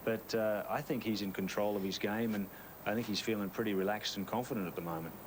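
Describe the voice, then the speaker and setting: Low-pitched male golf analyst. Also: fairly even intonation, fast, background noise. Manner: explanatory, analytical. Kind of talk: live golf commentary.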